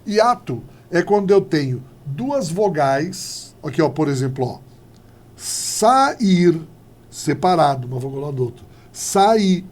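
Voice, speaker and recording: A man's voice: fairly high pitch, breathy edge. A man, teaching a classroom grammar lesson and acting out little dialogues as he explains. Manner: lively, animated, acts out little dialogues.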